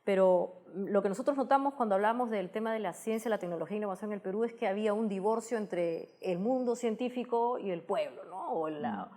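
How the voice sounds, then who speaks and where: A tech communicator appearing as a guest answers interview questions at length in a Peruvian Spanish accent. Her mid-range voice is mellow and brisk, with hardly any pauses, and she is thoughtful, often restarting and tacking on tag questions.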